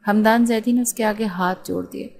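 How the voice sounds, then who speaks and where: A woman storyteller reads a romance novel aloud at a steady pace, expressive but even. Her pitch sits in a middle range for a woman. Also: vocal fry.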